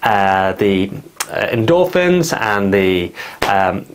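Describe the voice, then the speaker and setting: A male vlog host with a fairly low, sing-song voice takes his time, stumbling over words, restarting, and cursing at his own mistakes. The casual vlog has a noisy background.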